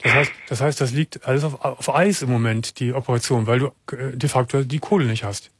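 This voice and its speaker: Calm male radio host asking questions. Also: medium pitch, brisk, husky, no echo, clean studio sound. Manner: calm, probing questions, sums up what he heard. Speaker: radio talk show host. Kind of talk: late-night call-in radio.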